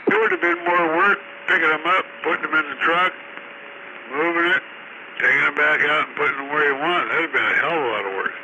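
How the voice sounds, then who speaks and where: A man talks on a trucker CB radio channel. His pitch swings widely as he jokes and rambles. Thick static hiss sits over the channel. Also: sing-song, fast, lo-fi sound. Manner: joking and talkative, laughs between lines. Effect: heard over a CB radio channel. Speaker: CB radio operator. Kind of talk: casual CB radio chatter.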